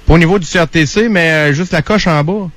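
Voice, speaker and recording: A man's voice: a little high, brisk, fairly bright tone. A man in his thirties with a Québécois French accent, hosting a casual radio talk show in a loose, friendly way. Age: 30s. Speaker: radio host.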